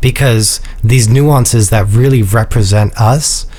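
A man's voice: fairly low pitch, takes it slowly, darkish tone. A young man, a music composer, answering interview questions casually and enthusiastically. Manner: casual, filler-heavy, enthusiastic.

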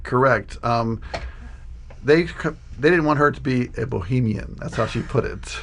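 A man's voice: medium pitch, moderate pace, vocal fry, slight background noise. A man in his sixties speaking casually as an interview guest, sharing recollections. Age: 60s.

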